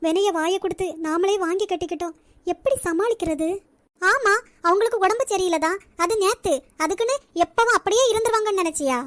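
A very high, dry-sounding voice for a spoiled, scornful young rich girl in a cartoon, as a woman puts her on. She talks down to others with a sharp, taunting Nagercoil Tamil accent. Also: a little fast, no echo. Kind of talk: cartoon voice acting.

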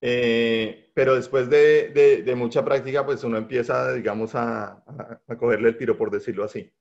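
A man teaches a language workshop over a video call. His voice sits at a middle pitch and he talks with frequent fillers and restarts. The computer mic gives a dull, lo-fi sound. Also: fairly even intonation, normal speed, vocal fry, darkish tone. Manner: patient, with many hesitations and fillers. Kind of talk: online workshop lecture. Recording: dull lo-fi online call audio.

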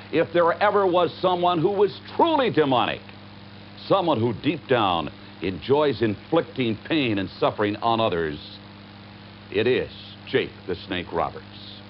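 Dramatic male wrestling announcer. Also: on the high side. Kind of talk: broadcast commentary. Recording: dull lo-fi 1991 TV broadcast with faint hum.

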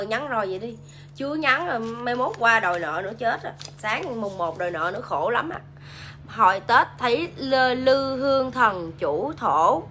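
Her voice sits high and sounds bright and forceful, with a little hiss or hum in the audio. She's a livestream seller with a Southern Vietnamese accent, casually pitching products and reading viewers' comments aloud.

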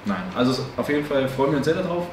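Here the co-host, a man in his thirties, talks very fast with an expressive, medium-pitched voice. Casually introducing a battle report for his tabletop game channel, he rambles with many fillers, restarts and self-corrections. The setting is an indoor hobby game shop; the echoey room, distant mic and faint hiss are all audible.

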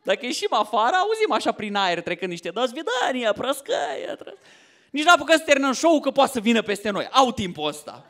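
A man in his thirties from Romania doing a stand-up comedy set on stage, loud and animated, often shouting punchlines. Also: very high voice. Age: 30s. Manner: loud, animated, swings into mock voices and shouts. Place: theater stage before a laughing audience.

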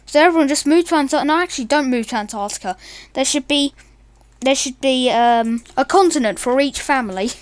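A young woman giggling and rambling excitably through a casual meme reaction commentary. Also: high-pitched, clear, resonant tone, dry recording. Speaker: meme reaction video host.

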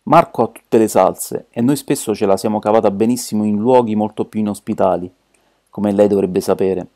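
Brief: amiable, coaxing major voiced by a male reader, warm dark tone, storybook reading. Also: fairly low pitch, fairly even intonation, normal speed, natural voice. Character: genial middle-aged male army major host.

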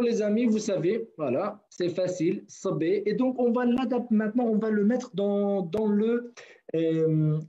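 Man from northern kurdistan, online teacher, slow, mellow voice, lo-fi call audio. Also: high-pitched. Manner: patient, repeats words slowly for students. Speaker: language teacher. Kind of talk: online class. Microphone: video call.

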